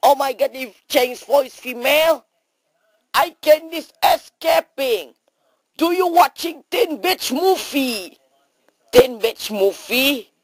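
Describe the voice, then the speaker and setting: A woman's voice: high-pitched, expressive, takes it slowly, no echo, poor audio. Lady doing a goofy skit, broken english, lots of oh my god, voice swings all over the place, dry sound. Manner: broken English, frequent exclamations, jumps between voices. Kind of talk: improvised comedy skit.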